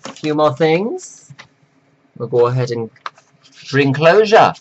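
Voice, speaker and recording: A man delivering a slow, preachy, scolding monologue to men, reading from notes with sudden jumps in pitch. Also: very animated, lo-fi sound, slight background noise. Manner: reads from notes. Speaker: self-styled life coach addressing men. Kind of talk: lecturing monologue to camera.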